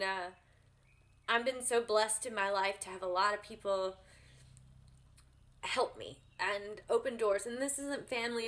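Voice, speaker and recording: A woman's voice: on the high side, a bit bright. A woman guest blogger answering interview questions earnestly on a remote call, with many fillers and repeated words, growing tearful as she speaks. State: tearful, crying.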